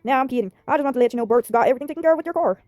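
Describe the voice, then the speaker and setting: A woman's voice: high voice, racing, a little mellow, dry recording, studio quality, lightly acted. A woman voicing an easygoing, teasing small-town bar owner in a story game. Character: easygoing small-town barkeeper man, joking.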